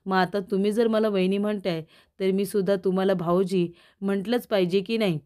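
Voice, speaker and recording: Give me a gentle young woman read out by a woman, soft and mellow. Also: mid-range voice, fairly even intonation, brisk, natural voice. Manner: gentle, respectful.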